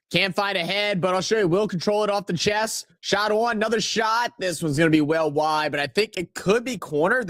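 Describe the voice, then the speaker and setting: A man's voice: on the high side, a bit bright, no room sound. Casual male watch-along streamer, dry sound. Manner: casual, rambling, reads out chat messages. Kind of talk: live watch-along commentary.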